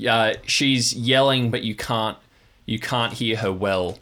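A man improvising narration as a tabletop game master, halting as he searches for words. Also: mid-range voice, fairly bright tone.

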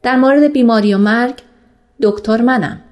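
A woman reading a gentle, reassuring male doctor. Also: a little high, close to an everyday voice. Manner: soft, reassuring. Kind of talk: audiobook dialogue reading.

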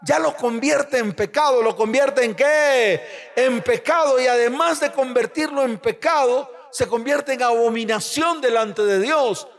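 A male pastor preaching a sermon, calling on the congregation to answer aloud and swinging between shouts and hushed storytelling. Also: very high voice, a little slow. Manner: call-and-response, urging the congregation to answer aloud. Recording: long hall reverb.

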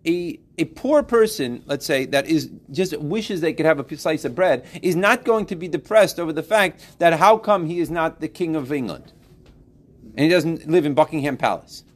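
A man teaching a class, lively and playful, building to emphatic points with everyday examples. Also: fairly high pitch. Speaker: Torah teacher. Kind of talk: classroom lesson.

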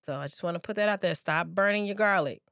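A woman's voice: fairly low pitch, fast talker, a bit bright, clear, resonant tone, dry recording, clean studio sound. A woman co-hosting a casual food chat like a cooking show host, giving plain-spoken practical advice in a conversational, teasing way. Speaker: podcast co-host.

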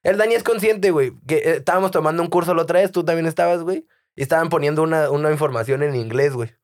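A man's voice: on the high side, very fast. A man co-hosting a comedic podcast, telling stories in slangy casual chat and laughing often. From Baja California, Mexico. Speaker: podcast co-host.

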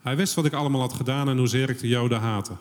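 Brisk male interpreter in a church hall. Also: medium pitch. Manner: brisk, steady, follows each phrase closely. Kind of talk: live sermon interpreting.

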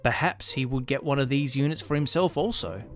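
A man narrating a dramatic science fiction story in a lively, expressive way. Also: mid-range voice, brisk, faint music behind.

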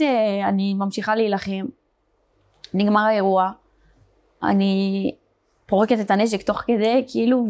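A woman's voice: mid-range voice, a little mellow. Young israeli woman telling her story, lots of uh and restarts, ordinary mid voice. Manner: halting, with many fillers and restarts. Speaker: guest, border police fighter. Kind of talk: personal testimony in an interview.

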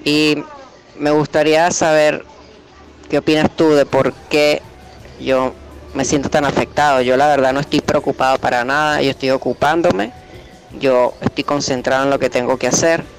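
A man in his twenties with a Venezuelan accent, a caller leaving an earnest, hesitant voice message for a radio show. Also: on the high side. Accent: Venezuelan Spanish. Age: 20s. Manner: earnest, hesitant, with fillers and soft laughs.

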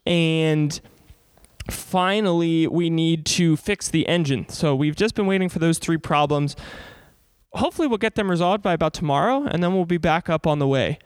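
A man's voice: a little high, moderate pace, smooth, dry recording. A man hosting a podcast, telling travel stories in a chatty, informal, explanatory way. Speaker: podcast host. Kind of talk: casual first-person travel storytelling. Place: inside an abandoned church.

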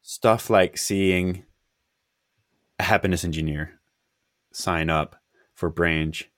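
A man with a low voice talks casually in a close, dry recording. He sounds tired and hesitant, pausing and restarting as he thinks aloud. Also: fairly even intonation, fairly bright tone, no room sound. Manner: hesitant, halting, trailing off. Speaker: software founder on a podcast. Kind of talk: casual conversational talk.

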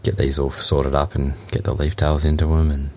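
An Australian man with an extremely deep voice chats as a podcast co-host. He talks in an easygoing, plain-spoken way over a remote call. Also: little pitch movement, fairly quick, darkish tone. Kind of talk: casual chat.

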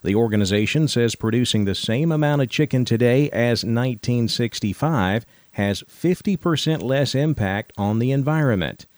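An American man of average pitch reads scripted radio news as the anchor. His announcing is formal and measured, with a very dry, close sound. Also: a little mellow, no room sound.

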